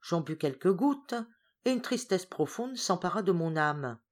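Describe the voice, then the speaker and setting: A woman reading a classic story aloud as an audiobook, with expressive, varied storytelling. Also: on the low side, unhurried. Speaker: audiobook reader. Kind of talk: literary audiobook narration.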